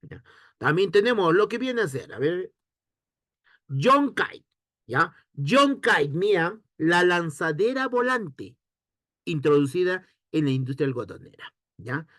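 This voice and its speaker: A man teaching an online history lesson, asking himself questions and answering them in a lively way. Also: sits high, takes it slowly, no room sound, studio quality. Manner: lively, rhetorical questions to students.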